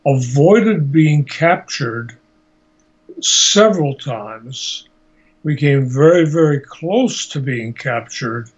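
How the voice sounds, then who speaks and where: An eighty-year-old Holocaust survivor, originally from Slovakia and Hungary and later living in the United States, tells his life story in an interview. He speaks slowly and haltingly, measured and deliberate as he searches for words, in a fairly high, darkish voice. The amateur recording sounds dull and lo-fi.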